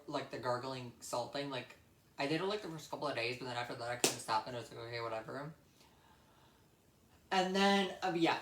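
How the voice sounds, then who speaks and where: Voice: medium pitch, fairly bright tone. A young adult vlogger telling a personal story in a casual, rambling way, blunt and emphatic, with free swearing. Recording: echoey room.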